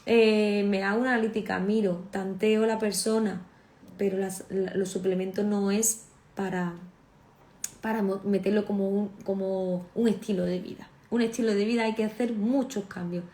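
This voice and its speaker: A woman therapist speaking conversationally about natural health, animated and acting out the voices of her patients. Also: mid-range voice, moderate pace, echoey room. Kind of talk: casual conversational talk.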